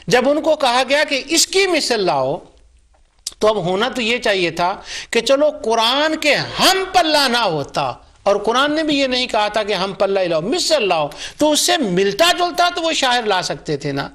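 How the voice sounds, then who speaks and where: Middle-aged male scholar with a high voice, emphatic lecturer who acts out remembered dialogue. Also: sing-song, a bit bright. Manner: emphatic, stresses points with repetition. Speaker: Islamic scholar and Quran reciter. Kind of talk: religious lecture with personal anecdotes.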